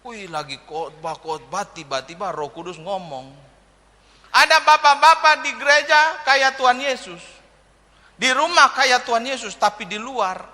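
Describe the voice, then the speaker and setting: A pastor delivering a sermon, telling humorous stories and acting out quotes from people. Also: male voice, extremely high pitch, a little slow, bright, forceful tone. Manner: humorous storytelling with acted quotes. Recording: long hall reverb.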